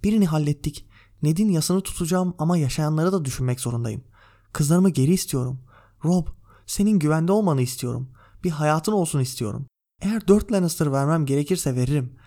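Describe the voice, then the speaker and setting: A man's voice: fairly high pitch, lively intonation, a little fast, warm tone. Brief: male reader doing a weary, firm widowed noblewoman from a fantasy novel, earnest plea, no real voice change. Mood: pleading.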